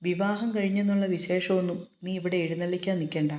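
A woman's voice: fairly low pitch, fairly even intonation, fast talker, darkish tone, close to an everyday voice. Woman doing a curt, scolding young husband. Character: short-tempered young man, curt husband. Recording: roomy echo.

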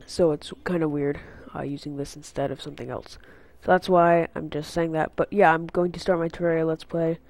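A teenage boy with a stuffy, cold-congested nose speaks in a fairly high, creaky, darkish male voice with little pitch movement, talking briskly with hardly any pauses. He's a gaming channel host rambling casually through a channel update on a headset mic he's not used to, full of fillers and tangents.

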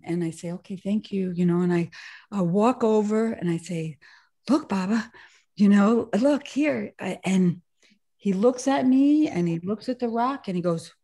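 A woman on a video call sharing a personal story with a group, laughing often as she talks. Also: medium pitch. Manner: animated, laughing often, many restarts. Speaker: satsang participant sharing a story.

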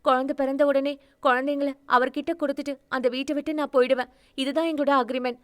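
A woman voicing a desperate young pregnant woman, high and pleading. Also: little pitch movement, fairly bright tone, no echo, clean studio sound. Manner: tearful begging, rushed and urgent.

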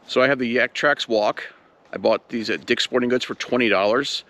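Male outdoor vlogger, middle pitch, relaxed and self-deprecating, recorded outside on a trail with faint background noise. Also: moderate pace. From Ohio. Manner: easygoing, self-deprecating, frequent "uh" fillers. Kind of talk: casual hiking vlog.

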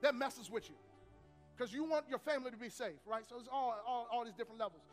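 A man's voice: very high-pitched, quick pace, soft background music. A man preaching a sermon as pastor, repeating phrases for emphasis and leading call-and-response. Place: church sanctuary.

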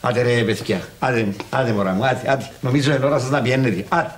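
An actor playing a stingy, grumbling old uncle in a sitcom, speaking with a Cypriot Greek accent and theatrical exasperation. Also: male voice, medium pitch, close to an everyday voice. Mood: weary muttering. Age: older. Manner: exasperated, theatrical sighing and cursing. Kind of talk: TV sitcom acting.

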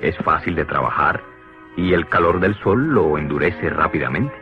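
An extremely low, animated male voice narrates a scripted educational cartoon at a moderate pace, explaining in a teacherly manner. The old cartoon audio is dull and lo-fi, with clear music in the background.

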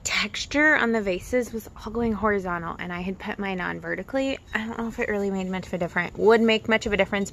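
A woman talks through a hands-on craft project at an outdoor table, filming on her phone in one hand. She chats loosely, with plenty of "um"s and "like"s. Her voice sits a little low with a gravelly fry, and faint outdoor ambience hums behind her. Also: fairly bright tone, slight background noise. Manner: chatty, lots of "um" and "like", light laughs. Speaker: DIY crafter. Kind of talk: casual DIY vlog narration. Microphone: phone held in one hand.

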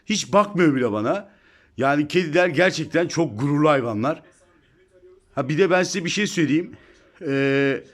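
A man chatting casually to viewers about his cat in a home video, filmed on a phone indoors. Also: on the high side. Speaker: pet vlogger.

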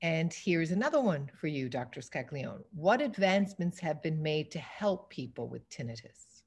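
A woman moderating a webinar Q and A on a video call, upbeat and brisk as she reads out questions. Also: low-pitched, big pitch swings, a little mellow, breathy edge. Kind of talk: hosting a Q and A.

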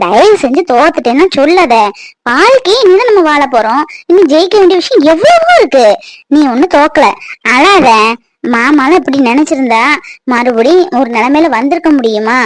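A woman's voice: sits high, dry recording. A woman acting a wife in a family drama, talking at length in an earnest, reassuring way.

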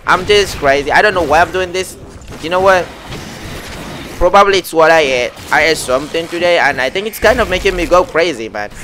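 A man commenting on his own gameplay as it happens, excitable and chattering to himself. His voice sits a little high with a bright, forceful edge. He loops the same words again and again as the action heats up. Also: a little fast, a little hiss or hum. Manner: excitable, repeats phrases, talks to himself.

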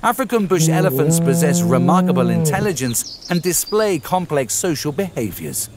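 A man reading scripted nature documentary narration in a measured, formal way. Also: fairly high pitch, animated.

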